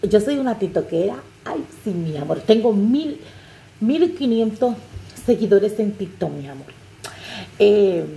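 A woman's voice: medium pitch, mellow. An older woman hosting a casual cooking vlog at home, chatting to her viewers as she cooks. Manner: chatty, talks to viewers as "chicas". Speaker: cooking channel host. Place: home kitchen. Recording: echoey kitchen with clattering pots.

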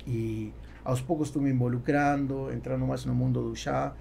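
Guesting on a podcast, a middle-aged executive who grew up speaking Spanish answers questions in Portuguese with a Spanish accent, frequently hunting for words. His mid-range voice is creaky and warm, level and moderately paced, picked up by a close boom-arm mic in a small foam-treated studio with a little hiss or hum.

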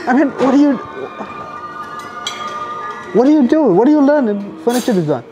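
A man's voice: very high voice, expressive, moderate pace, muffled recording, over music. A man hosting a vlog, teasing and joking with guests in a cafe, recorded on a handheld camera mic. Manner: playful, teasing, self-mocking. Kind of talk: casual teasing chat. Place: indoor cafe.

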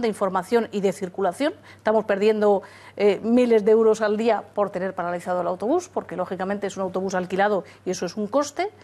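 A woman's voice: mid-range voice, warm tone. A woman in her fifties, a spokeswoman answering emphatically in a studio interview. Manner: emphatic, repeats key phrases. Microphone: lapel.

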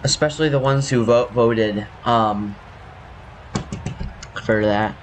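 Young guy, scratchy just-woke-up voice, mid pitch, rambling gameplay commentary, faint background hiss. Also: slow pace. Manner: rambling, self-correcting, apologetic. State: scratchy morning voice. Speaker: gaming youtuber.

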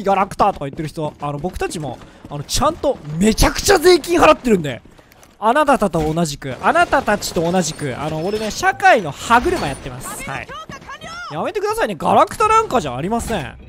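A man's voice: high-pitched, wildly swooping pitch, brisk, a bit bright, slight background noise. A man in his twenties giving joking, self-mocking commentary over his gameplay. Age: 20s. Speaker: gaming video creator.

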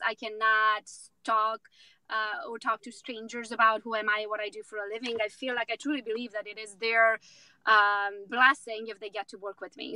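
A woman's voice: a little high, sharp tone, dry recording, rough recording. A woman from Romania, a real estate agent in her thirties, talking outspokenly and with jokes as a guest in a casual interview. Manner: outspoken, confident, joking.

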